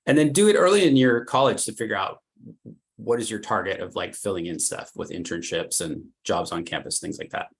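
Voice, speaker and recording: Middle-aged male workshop presenter, low and gravelly, chatty and informal, filler-heavy. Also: a little fast. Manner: chatty, many "like" fillers, repeats words. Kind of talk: casual career workshop talk.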